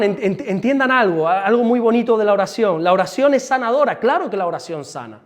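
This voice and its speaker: A pastor with a high-pitched male voice preaches to his congregation. He tells anecdotes with lively energy and acts out the voices of the people in them. Sometimes he drops to a quiet aside, then rises again to a fervent pitch. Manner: animated storytelling preacher, acts out quoted speech. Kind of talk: sermon. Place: church service.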